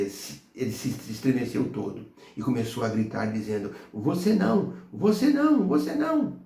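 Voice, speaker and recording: A man's voice: lowish voice, gravelly, mellow, roomy sound. A man with a Brazilian Portuguese accent teaching a devotional Bible lesson, telling anecdotes as he goes. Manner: storytelling with anecdotes. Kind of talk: devotional Bible study talk.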